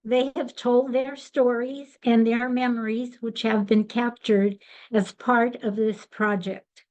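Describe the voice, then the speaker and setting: An older woman giving a webinar slide presentation in a measured, deliberate way. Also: fairly high pitch, flat delivery, darkish tone, dull audio.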